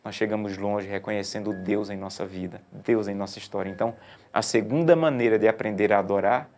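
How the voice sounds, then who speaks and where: A man pastor preaching a sermon, swinging between loud emphasis and soft, intimate appeals. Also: fairly low pitch.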